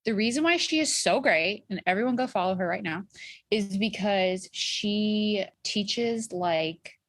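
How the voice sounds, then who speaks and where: Woman, 30s, podcast guest, chatty, filler-heavy, mid-pitched, dry studio sound. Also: unhurried, no echo. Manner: chatty, with many "like" and "you know" fillers. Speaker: podcast guest, communications director. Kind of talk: casual chat.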